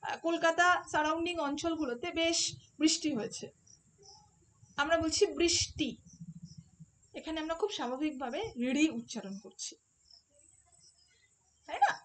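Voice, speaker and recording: A woman teaches an online exam-prep class in a fairly high voice. She explains each point step by step and keeps asking rhetorical questions. Faint noise sits under her voice. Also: fairly bright tone.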